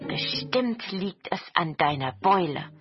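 A woman voicing a crowd of eager, flattering horned goblins in a storybook reading, with a high, loud, coaxing manner. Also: slow, muffled recording, over music.

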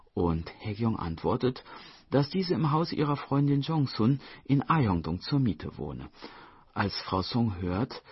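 Husky low guy narrating a documentary, expressive storytelling, dry dull voice-over. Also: no echo. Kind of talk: scripted narration.

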